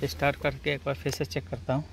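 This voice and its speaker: An auto electrician hosting a video walks through a repair step by step, informal and hands-on, tossing in short check-in tags. He works in and beside a car at the engine bay. His gravelly mid-range voice is quick and completely flat, and the handheld workshop recording is noisy with engine sound.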